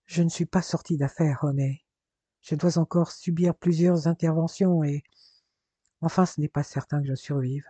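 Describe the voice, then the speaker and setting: A tender, worried young man in a spoken novel, voiced by a male reader. The voice is warm and slightly husky, dry and close. He pleads gently and earnestly. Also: a little high, steady tone, moderate pace, dry recording, natural voice.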